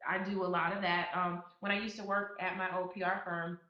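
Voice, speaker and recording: A woman's voice: on the low side, flat delivery, a little fast. A woman in her thirties hosting a podcast, talking casually with fillers and restarts and turning emphatic when she gives advice. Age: 30s. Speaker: podcast host. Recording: echoey, slightly dull sound.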